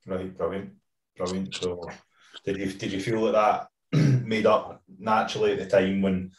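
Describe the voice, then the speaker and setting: A man's voice: deep voice, steady tone, normal speed, far from the mic. A man interviewing a boxer, asking long rambling questions with fillers, heard from farther off in a roomy space. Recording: roomy and off-mic.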